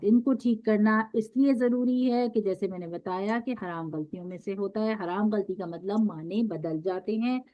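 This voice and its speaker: A woman teaching a recitation class, patiently drawing out syllables one by one for her students to repeat. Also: medium pitch. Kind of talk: classroom instruction. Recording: dull lo-fi recording.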